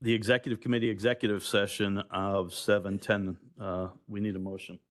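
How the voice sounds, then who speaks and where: An American man with a fairly low voice chairs a public meeting. He moves through procedure informally, in a brusque, businesslike way. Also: level tone, fairly quick.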